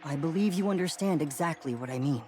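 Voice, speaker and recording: An actor playing a composed, formal corporate representative whose voice comes through a robotic voice changer, speaking in a measured, persuasive way in a video game. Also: male voice, a little high, music in the background. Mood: measured, earnest.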